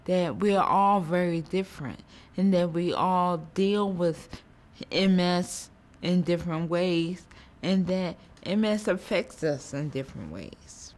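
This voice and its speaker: A woman in her thirties with MS, speaking in a measured, earnest way in an interview. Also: fairly low pitch, a little mellow. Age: 30s. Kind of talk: interview answers.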